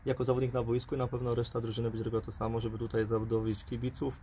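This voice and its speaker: A man in his forties, a football coach, interviewed outdoors by the pitch, talking fast and hedging with repeated fillers. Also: level tone, warm tone, slight background noise. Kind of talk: post-match interview. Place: outdoors by a pitch, under a dugout shelter.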